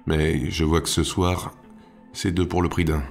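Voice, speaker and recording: A man voicing a cool-headed, menacing city guard who speaks calmly and steadily. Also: rumbling low, a little slow, gravelly, soft background music, exaggerated voice. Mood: wry. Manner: calm, steady, cold.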